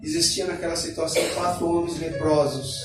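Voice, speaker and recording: High-pitched preaching man in an echoey hall. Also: fairly even intonation, a little fast. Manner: swings from shouted exhortation to low storytelling. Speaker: pastor. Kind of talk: preaching a sermon. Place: church hall. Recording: echoey church hall from far off, with music.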